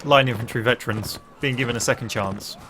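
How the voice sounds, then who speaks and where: A young man streaming a strategy game, chatting casually and making deadpan jokes. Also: medium pitch, quick pace, background noise. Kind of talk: casual gaming chat.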